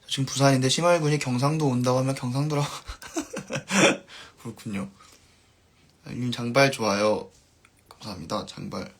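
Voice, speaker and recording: A man, a band musician, chatting casually on his live stream and reading viewer comments aloud, his sentences trailing off softly at the ends. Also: medium pitch, moderate pace.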